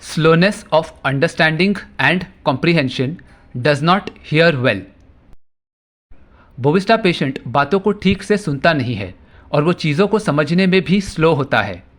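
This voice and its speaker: A man teaching homeopathy, reading out each term slowly and deliberately before he explains it. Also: fairly high pitch, animated, a bit bright. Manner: reads terms out slowly and deliberately. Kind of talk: slow explanatory lecture.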